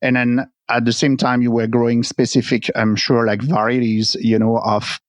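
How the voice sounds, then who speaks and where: A male podcast host asks his guest questions in a relaxed, casual way. His pitch sits in the middle, and he strings his words together with loose fillers. The recording is dry and close. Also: moderate pace, no room sound. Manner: casual, many fillers like "you know" and "like". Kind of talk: conversational interview.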